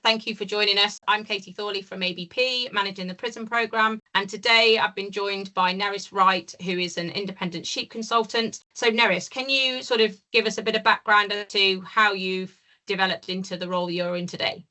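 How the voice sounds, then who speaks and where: A woman hosts a podcast, putting questions politely and in a measured way. Her voice is bright and fairly sharp, with an ordinary middle pitch. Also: steady tone. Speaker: podcast host. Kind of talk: podcast interview.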